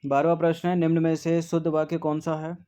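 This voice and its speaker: Man going through Hindi spelling answers, low-key. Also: completely flat delivery, warm tone, smooth. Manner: drills spellings slowly, repeats words, frequent "ठीक है". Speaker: Hindi exam tutor. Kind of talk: test-series answer walkthrough.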